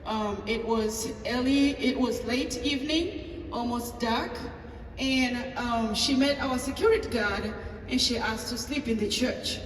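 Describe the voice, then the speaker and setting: A Tanzanian woman pastor tells a personal story at a table talk, acting out the dialogue with hesitant fillers. Her voice is a little high and measured in pace, picked up from far off in an echoey hall with faint ambience and a little hiss or hum.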